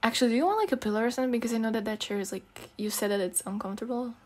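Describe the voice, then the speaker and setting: Speaking rapid-fire in a fairly high voice, a young adult woman whose first language isn't English acts out a cozy girlfriend ASMR scene. Her talk is slangy, teasing and coaxing, broken up by giggles.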